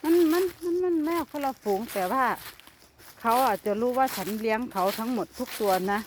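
A woman's voice: on the high side, lively intonation, fairly quick, a little hiss or hum. Woman with an Isan accent, chatty vlogger. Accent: Isan (Northeastern Thai). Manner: chatty, calls out loudly to her cats. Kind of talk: casual walking vlog. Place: outdoors in a forest.

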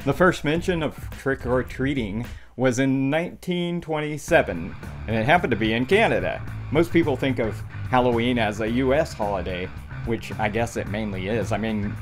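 A middle-aged man presenting a video game show casually to camera, with tongue-in-cheek horror-host flourishes. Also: mid-range voice. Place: small dark indoor room. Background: guitar music.

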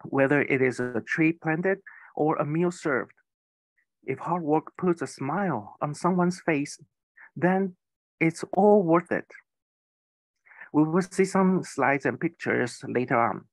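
Slow, careful man giving a keynote. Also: fairly high pitch, no room sound. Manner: slow, careful storytelling with occasional slips. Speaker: keynote speaker. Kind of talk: prepared speech.

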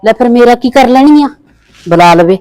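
A woman's voice: mid-range voice, moderate pace, darkish tone, no room sound, natural voice. An actress playing a grumbling, defiant mother-in-law in a drama. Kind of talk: Punjabi web drama acting.

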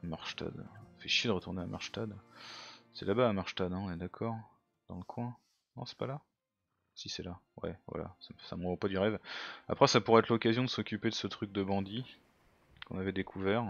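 A man with a lowish voice talks through his game in a loose, thinking-aloud way, dropping into quiet mutters as he weighs each move. The sound is dull and lo-fi, with faint game music underneath. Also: fairly even intonation, fairly quick, gravelly. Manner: self-mocking. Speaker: let's play gamer. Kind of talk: casual game commentary.

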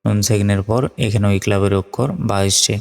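Man, Bangladeshi accent, Quran reading teacher, flat delivery, slow chanting, reverberant hall, faint music. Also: on the low side, creaky. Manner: slow and deliberate, chanting verses. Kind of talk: spelling out letters and chanting verses.

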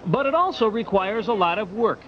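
A man reporter reads a punchy news voice-over. His voice is high and swings widely in pitch. The tape sounds dull and muffled. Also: lively intonation, fairly quick. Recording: muffled broadcast tape with music.

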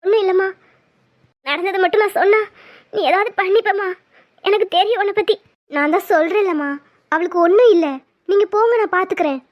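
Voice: very high voice, a little fast, pauses often. A performer voicing a caring young woman who comforts and advises her grieving relative. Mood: soothing. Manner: soothing, advising. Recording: dull lo-fi sound.

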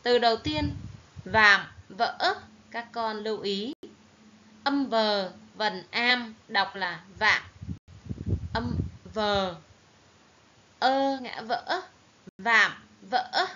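Brief: woman teacher with a Southern Vietnamese accent, clear and careful diction, fairly high voice, dull lo-fi recording. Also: fairly bright tone. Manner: slow, careful, clearly enunciated teaching delivery. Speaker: primary school teacher. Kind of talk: recorded online reading lesson for children. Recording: dull lo-fi recording with faint hiss.

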